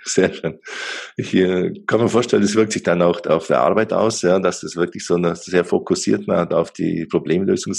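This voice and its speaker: A man's voice: low-pitched, steady tone, normal speed, creaky, darkish tone, breathy edge. A middle-aged man hosting an interview podcast, talking hesitantly with many fillers and restarts. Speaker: podcast host.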